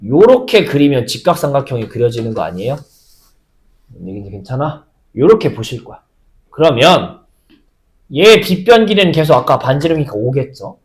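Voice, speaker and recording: A man teaching a high school math lesson, often asking the class questions and then answering them himself. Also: big pitch swings, a little fast.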